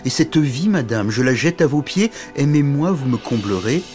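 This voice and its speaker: A man's voice: mid-range voice, lively intonation, normal speed, darkish tone, faint music behind, voice pushed up, lightly acted. A man voicing a tiny, earnest knight who speaks with plaintive dignity in a fairy tale.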